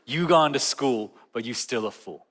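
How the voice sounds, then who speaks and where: A blunt, teasing Southern friend, put on by a man preaching, who drawls out his rebuke in a bright, slightly distant voice. A long church-hall echo trails the words. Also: medium pitch, expressive, moderate pace, voice pushed down.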